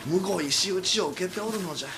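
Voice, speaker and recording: A man co-commenting on a video game in loud, stylized comic archaic retainer speech with theatrical, drawn-out exclamations. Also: high voice, over a noisy crowd. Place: indoor room, on camera. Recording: roomy echo, loud game music behind.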